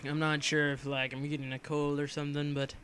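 A young man talks over his gameplay in a bright, slightly raised voice, rambling and joking with frequent fillers. He has a lingering cough. A faint hiss sits under the recording. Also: fairly high pitch, little pitch movement, a little fast. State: coughing from a cold. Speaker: gameplay commentator. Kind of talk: casual game commentary voice-over.

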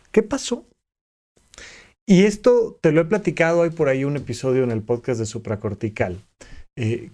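A man's voice: fairly high pitch, mellow. A man hosting a reflective podcast, speaking earnestly to the listener and repeating phrases for emphasis. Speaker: podcast host giving mental health advice. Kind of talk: reflective solo podcast talk.

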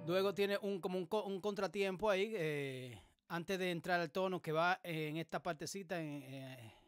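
A higher-pitched man talks through a beat in a relaxed, unhurried way, often stopping on fillers. His voice is smooth and clear, recorded dry and close, with music playing faintly underneath. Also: no room sound. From Dominican Republic. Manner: relaxed, explanatory, many hesitations. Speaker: music production tutorial host. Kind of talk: casual screen-recorded tutorial. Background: beat playing in the background.

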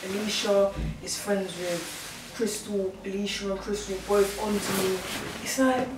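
A woman acting a swaggering, loyal young friend in a web drama, with a London accent and rough street slang. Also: medium pitch, steady tone, measured pace, reverberant, lightly acted. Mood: exasperated swagger. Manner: rough London slang, repeats phrases, says "fam" and "man". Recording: distant mic with clear background noise.

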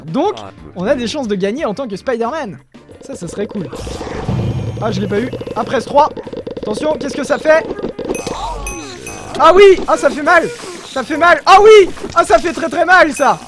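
Wearing headphones and speaking into a desk mic, a young man commentates excitedly on his own gameplay. His voice is very high, and he exclaims often while addressing his viewers directly as a gaming video creator.

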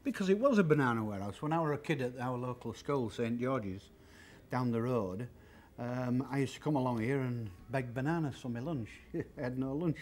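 Here the warehouse shop owner, a man in his fifties, sounds brisk and a little mellow at medium pitch. Interviewed among the used furniture of a large indoor warehouse, he demonstrates old items and plainly, chattily explains each price step by step.

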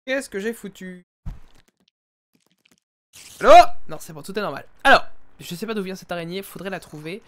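A man giving live, chatty commentary while playing a game, talking into a headset and often addressing his viewers as ladies and gentlemen. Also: sits high, expressive, moderate pace, long pauses. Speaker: let's play streamer.

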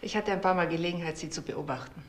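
A woman's voice: lowish voice, fast talker, natural voice. An actress playing a gracious, attentive middle-aged businesswoman in a TV drama. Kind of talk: screen drama acting. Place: indoors, large room. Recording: echoey room, noisy old TV soundtrack.

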